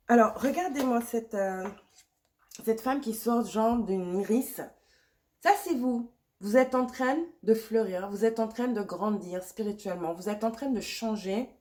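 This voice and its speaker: A woman's voice: mid-range voice, a little mellow. Woman with a cold reading tarot. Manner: reassuring, repeats herself, mixes in English words. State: has a cold and sore throat, coughing. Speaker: tarot reader. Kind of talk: pick-a-card tarot reading.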